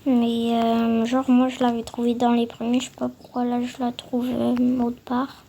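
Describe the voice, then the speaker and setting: A woman's voice: on the high side, completely flat delivery, a little slow, gravelly, dark tone, a little hiss or hum. A woman talking through a game tutorial, hesitant, with many fillers and restarts. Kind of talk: casual game tutorial voice-over.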